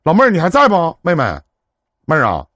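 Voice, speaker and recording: A man's voice: sits high, huge pitch swings, fast, a bit bright, no echo, studio quality. A man with a Northeastern Mandarin accent hosting a live-stream relationship advice show, chatting on the phone in a brash, joking, big-brotherly way. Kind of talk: casual phone counseling chat on a live stream.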